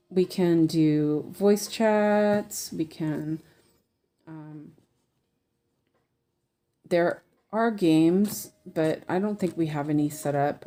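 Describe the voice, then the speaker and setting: Hosting a craft livestream, a woman chats casually and thinks aloud while stitching. Her voice is low and mellow, and a lisp slurs her s sounds toward sh.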